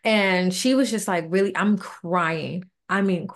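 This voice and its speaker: A young woman, speaking in a slightly low voice. She shares a personal story in a casual, heartfelt way. She acts out the dialogue with lively inflection. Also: unhurried. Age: 20s. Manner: earnest, animated retelling with quoted dialogue. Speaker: podcast co-host.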